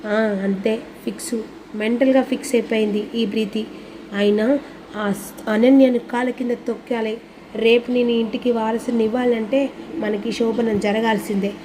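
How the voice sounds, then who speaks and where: Woman doing a scheming young wife, forceful, commanding, fairly high voice. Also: fairly even intonation, normal speed, noisy background, natural voice. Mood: determined.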